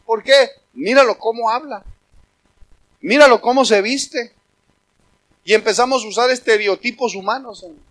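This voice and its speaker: A pastor preaches from the pulpit in a voice that is high for a man, with a fairly bright tone. He speaks with emphasis and turns to address the congregation as brothers.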